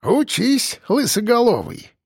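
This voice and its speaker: A crusty old man, as a male audiobook reader voices him, creaking and wheezing as he teases the others in folksy phrases. The voice is gravelly and lively in pitch, set close in a dry studio recording. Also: slow, no echo, full character voice. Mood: wry. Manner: mocking, folksy sayings.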